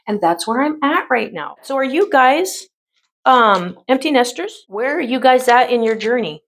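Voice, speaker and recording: A woman in her mid-fifties chatting casually through a makeup tutorial, rambling with many pauses and fillers. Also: mid-range voice. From United States. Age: 50s. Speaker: beauty vlogger.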